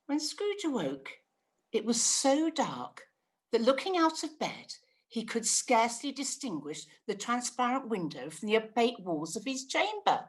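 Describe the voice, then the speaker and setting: A woman's voice: fairly high pitch, very animated, a little slow. A woman narrating a classic story from a script in a dramatic storytelling style. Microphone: video call.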